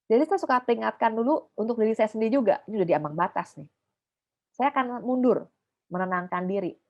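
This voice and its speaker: A woman giving an animated, emphatic talk to a youth group over a video call, teasing herself playfully. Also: medium pitch, highs cut off. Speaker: youth speaker. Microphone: video call mic.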